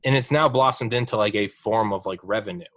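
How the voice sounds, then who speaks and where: A young man with a lowish voice hosts a casual podcast chat, swearing freely and cheering his guest on. His delivery is animated and story-driven. The sound is dry and close, with no room echo. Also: a little fast. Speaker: podcast host.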